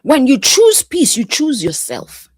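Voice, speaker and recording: A woman's voice: sits high, huge pitch swings, a little slow, a little mellow, husky, no echo. Woman, life coach, emphatic repetitive cadence, occasional whispers, dry close sound. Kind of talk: motivational talk to camera.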